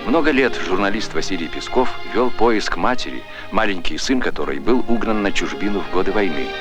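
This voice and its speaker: A man's voice: lowish voice, lively intonation, a little fast. A man giving formal, declamatory announcer narration in the style of an old newsreel. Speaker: documentary narrator. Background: music score.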